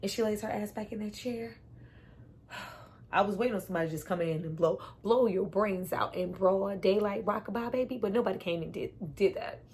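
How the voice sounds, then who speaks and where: A woman giving a casual, animated recap of a TV episode, chatty and quick to laugh and curse. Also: medium pitch, slight background noise. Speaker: TV show reviewer.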